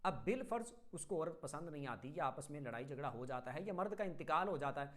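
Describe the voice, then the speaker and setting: A man's voice: on the high side, expressive. A man from Pakistan giving a religious lesson as an Islamic teacher, firm and methodical, running through example phrases one after another. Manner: firm, instructive.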